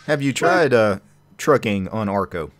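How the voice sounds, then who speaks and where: A man's voice: on the low side, lively intonation, measured pace. A man hosting a casual video chat and talking back and forth with his guests in a conversational, agreeable way. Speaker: host. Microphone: video call.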